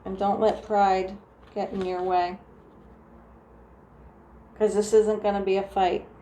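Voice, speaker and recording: Soft-spoken New Jersey woman reading tarot. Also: medium pitch, level tone, slow pace. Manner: soft, meandering, full of restarts and "like". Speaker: tarot reader. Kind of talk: casual tarot reading to camera. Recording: echoey room with faint ambient noise.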